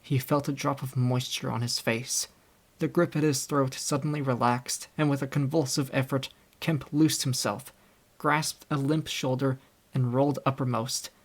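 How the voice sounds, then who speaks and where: A young man reading a classic novel aloud in scripted audiobook narration, with a steady storytelling delivery. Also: mid-range voice, normal speed. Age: young adult. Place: home recording setup.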